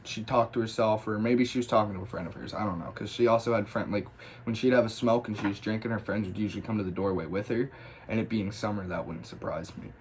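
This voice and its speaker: A man's voice: lowish voice, fast talker, slight background noise. A man telling a personal story in casual, rambling style, with lots of swearing and restarts. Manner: profane, rambling, animated retelling. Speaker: graffiti storyteller.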